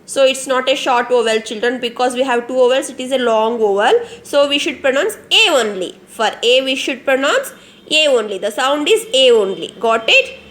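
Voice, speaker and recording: A young woman with an Indian English accent teaching a phonics lesson online to small children, slow and repetitive, often asking questions and answering them herself. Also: high-pitched, expressive, a bit bright. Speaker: kindergarten teacher.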